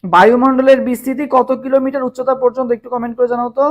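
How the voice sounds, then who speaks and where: A man teaching live online chemistry talks in a rapid-fire, very high-pitched voice with a level tone. His Bangladeshi Bengali accent is clear, his voice hoarse from long hours, and he repeats questions while drilling students on answers.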